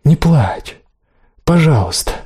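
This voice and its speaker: A man voicing an intense, possessive young man who pleads in a low, urgent voice. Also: very animated, slow pace, a little mellow, husky, heavily acted. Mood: pleading.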